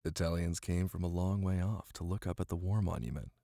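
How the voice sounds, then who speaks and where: Man playing a deep, gravelly-voiced caring boyfriend, ASMR. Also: a little fast, warm tone, no room sound. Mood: tender, calm. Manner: tender, teasing, close and cozy. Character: caring, playful young boyfriend reading to his partner. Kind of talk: intimate ASMR roleplay and bedtime story reading. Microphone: close microphone. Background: rain ambience.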